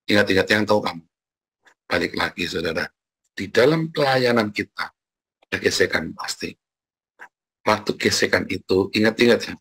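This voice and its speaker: Gravelly-voiced male pastor, chatty sermon. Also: on the low side, sharp tone. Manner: chatty, laughs often, mimics scolding voices.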